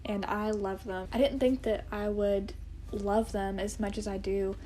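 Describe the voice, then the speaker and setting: A woman's voice: medium pitch, steady tone, a little slow, dark tone, slight background noise. A woman in her twenties chatting casually to camera, hesitant and rambling, often correcting herself as she goes. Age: 20s. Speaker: vlogger. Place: indoor room at home with plants.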